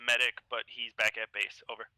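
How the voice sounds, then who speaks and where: Male player, helmet-radio comms, terse procedure, level delivery, sharp tone. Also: medium pitch, flat delivery, fairly quick, slight background noise, rough recording. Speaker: player in a military simulation game.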